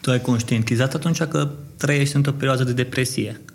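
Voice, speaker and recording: A man's voice: mid-range voice, vocal fry. A Romanian man hosting a podcast, thinking aloud in long, winding questions. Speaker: podcast host. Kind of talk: conversational interview.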